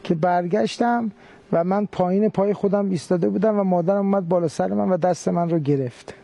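Male guest, high and gravelly, hesitant testimony. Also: mellow. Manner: hesitant, measured, with many pauses and fillers. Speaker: guest recounting a near-death experience. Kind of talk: interview testimony.

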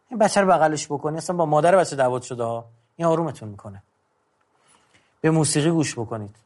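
A middle-aged man giving an informal, conversational lecture, going through numbered tips with emphasis. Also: medium pitch. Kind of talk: informal talk on controlling anger.

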